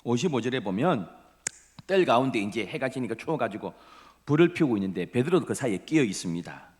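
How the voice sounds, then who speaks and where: Busan-accented pastor preaching in a hall. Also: male voice, mid-range voice, very animated, a little fast, darkish tone. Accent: Gyeongsang (Busan) Korean. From Busan, South Korea. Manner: dramatic preaching, drops to breathy whispers, acts out quoted voices. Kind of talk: sermon. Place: church sanctuary. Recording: long reverb of a church hall.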